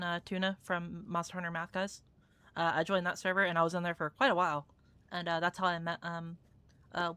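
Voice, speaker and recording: A woman's voice: on the low side, sharp tone, smooth. A young adult woman hosting a live gaming stream, chatting casually and swearing freely, with lots of "like" fillers. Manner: loose and profane, heavy use of "like" fillers. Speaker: streamer hosting viewer games.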